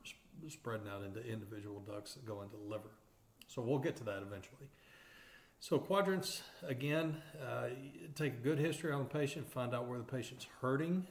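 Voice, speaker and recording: East Texas man giving a lecture. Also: medium pitch. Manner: explanatory, with frequent fillers and restarts. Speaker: radiography instructor. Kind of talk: recorded lecture over slides. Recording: roomy echoey recording.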